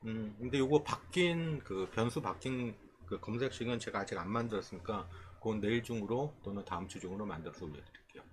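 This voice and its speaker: Over slight background noise, a man with a lowish voice talks fairly quickly and with few pauses as he walks through stock charts on a shared screen. The trading instructor keeps things informal and explanatory, often tossing in short rhetorical questions.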